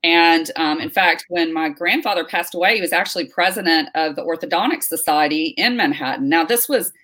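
Fairly low-pitched and brisk, a middle-aged North Carolina woman tells stories as a guest in a casual interview. She's a lively storyteller, full of fillers and restarts.

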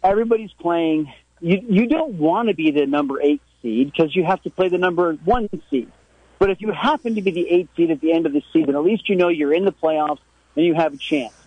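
Husky man on a muffled phone line. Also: a little high, dry recording. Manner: halting, repeats words as he argues. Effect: over the phone. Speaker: sports radio guest. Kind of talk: sports debate on call-in radio.

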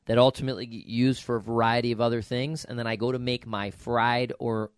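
A man hosting a podcast in casual, jokey chat, his voice hoarse and raspy from allergies, like a smoker's rasp. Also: mid-range voice, steady tone, fairly quick, no echo, clean studio sound. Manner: jokey, colloquial. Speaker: podcast host.

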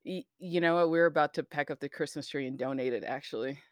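A woman's voice: low voice, fast, smooth, no echo, studio quality. An American woman in her forties co-hosting a podcast in casual, self-deprecating chat, with a slightly slurred lisp that makes her s sounds slushy. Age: 40s. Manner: chatty, self-deprecating, giggly. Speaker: podcast co-host.

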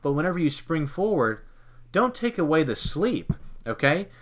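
On a laid-back podcast, a co-host from Kentucky, United States, jokes around and rambles while quizzing his partner with leading questions. His voice sits on the high side and is sing-song, delivered at normal speed.

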